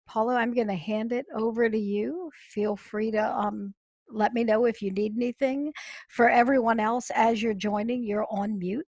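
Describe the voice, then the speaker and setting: A woman's voice: medium pitch, no room sound. A woman hosting a coaching webinar, introducing the speaker in a friendly way with frequent ums. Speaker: coaching school host. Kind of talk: introducing a speaker on a video call. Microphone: video call.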